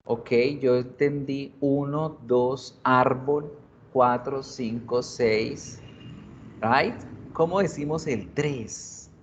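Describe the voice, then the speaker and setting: Slow patient guy teaching an english class, repeats every word, kinda dull lo-fi sound with a little hiss. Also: medium pitch. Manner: patient, repeats words slowly for drilling. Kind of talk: bilingual video class lesson. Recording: dull lo-fi recording with faint noise.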